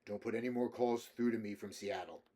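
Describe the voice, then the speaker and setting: A man's voice: lowish voice, steady tone, brisk, dark tone, natural voice. A man voicing a weary, curt male bounty hunter with a terse, dismissive manner.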